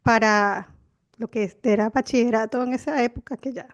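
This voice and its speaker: A young adult woman with a Venezuelan accent, co-hosting a podcast in relaxed, reflective conversation and laughing easily. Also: on the high side, normal speed, dull audio. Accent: Venezuelan Spanish. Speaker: podcast co-host. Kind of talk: casual chat.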